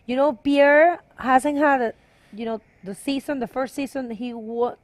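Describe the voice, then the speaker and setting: A Venezuelan woman gives bilingual live commentary on a bodyboarding contest, switching between English and Spanish in a Venezuelan accent tinged with Canarian. Her voice sits high and her pace is slow. The recording is low quality, with no room sound.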